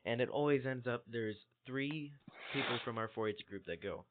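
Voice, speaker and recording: A man's voice: medium pitch, lively intonation, normal speed. A man co-hosting a crude podcast, swearing often and rambling through stories in casual chat. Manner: swears a lot, rambling storyteller. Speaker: podcast co-host. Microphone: online voice chat. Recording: tinny voice chat line.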